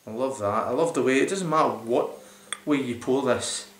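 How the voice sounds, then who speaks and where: A man in his forties hosts a casual beer review vlog, talking to camera in a small room with enthusiastic rambling and lots of fillers. His mid-range voice moves at normal speed, and the roomy, echoey home recording has a little hiss or hum.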